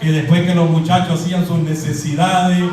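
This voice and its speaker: This is an interactive sermon from a middle-aged Cuban man whose fairly high voice carries a Cuban Spanish accent. At normal speed, he animatedly calls on his congregation with questions and jokes. A distant mic captures the very echoey church hall.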